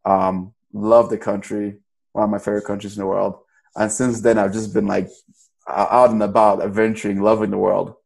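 A man's voice: fairly low pitch, flat delivery, normal speed, gravelly, a little mellow. A young man from Cameroon, a podcast guest, talking casually in a loose, rambling way with many restarts. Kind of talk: casual interview.

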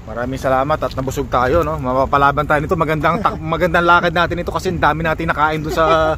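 A man's voice: on the high side, level tone, fast talker, pushed and bright, a little hiss or hum. A man talking casually to his viewers while walking outdoors by a lake, exclaiming often at the sights. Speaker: vlogger.

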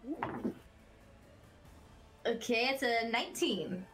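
A woman taking part as a player in a tabletop fantasy game, speaking in a slow, unhurried way. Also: on the high side, animated, music in the background.

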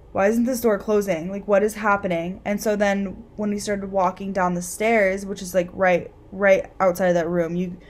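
A young woman in casual vlog chat, talking from her bed with lots of likes and ums into a close camera. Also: medium pitch. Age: young adult. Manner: chatty, lots of fillers. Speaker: vlogger. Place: bedroom.

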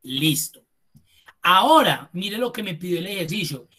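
A man's voice: high voice, very animated, a little slow, bright, forceful tone, breathy edge. A man teaches a live class and walks students through each step with patience. He thinks aloud as he goes, restarting phrases and stretching out some words. He speaks to the students in a polite, formal way. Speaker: Excel instructor. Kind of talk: live online class walkthrough.

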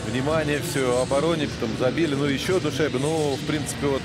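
A man giving conversational live hockey analysis as co-commentator, in halting short phrases. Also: medium pitch, fairly even intonation, over loud music.

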